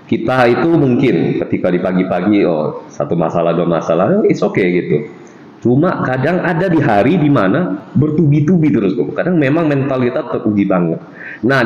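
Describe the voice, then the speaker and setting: A man's voice: fairly low pitch, darkish tone. A man with a North Sumatran Indonesian accent, hosting a podcast and asking long, friendly, rambling questions. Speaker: podcast host. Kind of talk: casual podcast conversation. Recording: roomy, slightly dull podcast recording with faint hiss.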